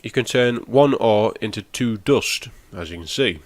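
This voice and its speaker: A young man with a cold, sounding nasal and snotty, hosts a gaming channel and casually walks through a game, rambling and explaining as he goes with frequent ums. His voice sits on the low side with lively intonation and a slightly slow pace, in a dry recording.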